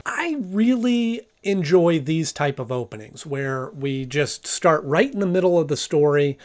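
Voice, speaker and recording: A man with a slightly high voice talks through a review in an informal way. He recaps and comments like someone chatting casually. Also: expressive, a little slow, a little mellow, faint music behind.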